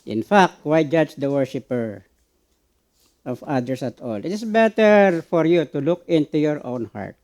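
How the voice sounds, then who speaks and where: A man's voice: fairly high pitch, lively intonation, measured pace, a little mellow. A man with a Filipino accent preaching a sermon as pastor, mixing Tagalog and English and often asking the congregation questions.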